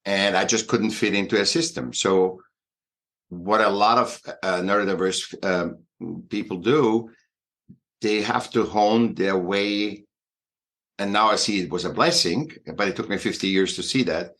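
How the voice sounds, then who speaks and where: A man in his sixties from Austria with an Austrian accent, a guest artist talking in a halting way, full of fillers and restarts. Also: lowish voice, fairly bright tone. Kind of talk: conversational interview.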